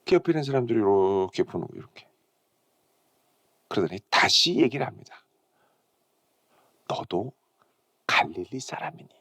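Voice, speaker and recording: A middle-aged male pastor preaching a morning devotional sermon, dramatic and expressive, dropping to hushed whispers and acting out quoted lines. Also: fairly low pitch, quick pace, long pauses. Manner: acts out quoted lines in character.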